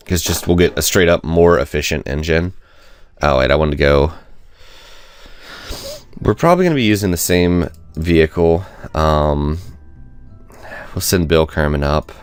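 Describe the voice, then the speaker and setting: A gaming channel host does let's play commentary, thinking aloud and rambling with fillers while stuffed up with a cold that makes him sound congested and nasal. His voice sits low, and the recording is clean.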